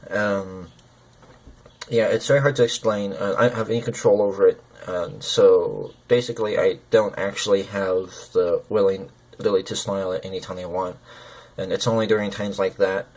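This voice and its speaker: Man, low-pitched, numb-from-the-dentist articulation, blurred lip consonants, hesitant, halting, personal vlog talk. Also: fairly even intonation. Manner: hesitant, halting, searching for words. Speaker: gaming video creator.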